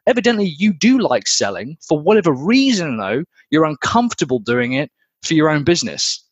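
Blunt, energetic man with a husky voice. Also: on the high side, a little fast, dry recording, lo-fi sound. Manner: blunt, energetic, swears freely, acts out customers. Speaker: podcast co-host, sales coach. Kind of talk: casual podcast chat.

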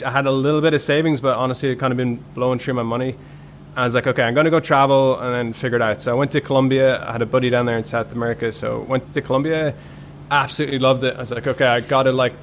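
As a guest on a podcast, an Irish man in his thirties tells stories conversationally, talking quickly at a medium pitch yet in a relaxed, easy way. He rambles loosely, using "like" constantly and restarting often, with a faint hiss beneath.

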